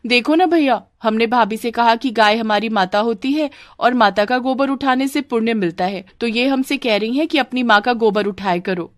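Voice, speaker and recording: A woman puts on a meddling young sister-in-law in an animated storybook, high and eager, quick to tattle. The voice sits close and dry. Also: no room sound, close to an everyday voice. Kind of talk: Hindi storybook voice acting.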